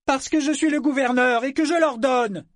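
Audiobook villain: a man doing a cruel, drugged governor, high and strained, barking and sneering. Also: animated, unhurried, no room sound, studio quality. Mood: furious. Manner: barking orders, mocking, bursts into shouts.

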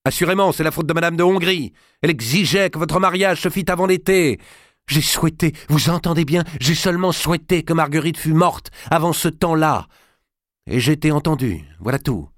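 A man playing a hot-tempered young king, shouting high and strained in a storybook reading. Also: fairly quick, no echo, clean studio sound, natural voice. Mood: defiant.

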